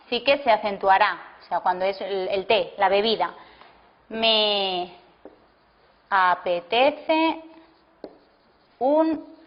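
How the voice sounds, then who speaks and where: A woman teaching a language lesson, explaining rules slowly and dictating example sentences word by word. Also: fairly high pitch. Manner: slow, deliberate, breaks sentences into single words. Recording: dull lo-fi classroom video audio.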